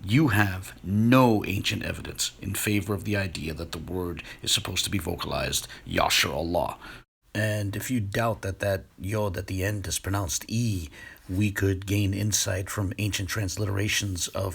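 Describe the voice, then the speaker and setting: A man giving a measured, scholarly walkthrough of sources shown on screen. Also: sits low, fairly even intonation, creaky, fairly bright tone, slightly rough. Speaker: video essayist on biblical words. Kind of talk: screen-share explanation.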